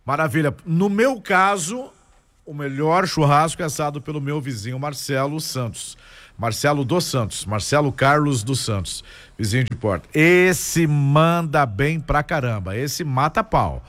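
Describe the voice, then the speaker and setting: A man's voice: a little high, expressive, unhurried, fairly bright tone. A man with a Brazilian Portuguese accent hosting a casual call-in radio show, teasing callers and joking. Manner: jokey, teasing, laughs easily.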